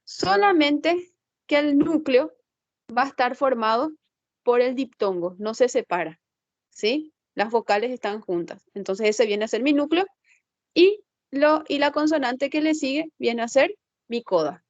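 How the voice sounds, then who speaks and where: A woman teacher talks a little slowly in a high voice, explaining an online lesson and thinking aloud as she moves through the slides. Frequent tag questions let her patiently check that students are following. The recording is dry and muffled.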